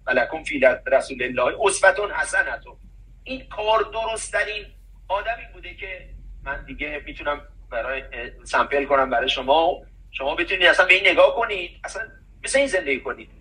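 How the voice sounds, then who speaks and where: A man's voice: on the high side, animated, pushed and bright, far from the mic, rough recording. A man hosting a conversation, talking emphatically in a preachy way and reciting scripture.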